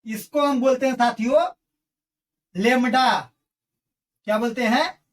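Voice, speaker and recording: A woman's voice: fairly high pitch, a little slow, recorded from a distance. A woman teacher giving an online math lesson, who drills her students with call-and-response questions and calls them her friends. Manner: addresses viewers as friends.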